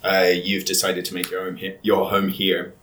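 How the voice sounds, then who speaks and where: A man's voice: sits low, completely flat delivery, normal speed, a bit bright, slight background noise. A man with a Cambridge English accent hosting a podcast, speaking hesitantly with many fillers and chuckles. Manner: hesitant, many ums and you-knows, chuckles. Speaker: podcast host. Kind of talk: casual podcast chat. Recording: echoey room.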